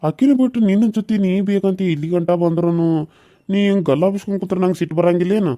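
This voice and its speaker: Casting: male voice for a quick, higher-pitched cartoon man who teases and pleads, North Karnataka accent. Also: mellow, no echo, clean studio sound, lightly acted. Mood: coaxing. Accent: North Karnataka Kannada. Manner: coaxing, teasing.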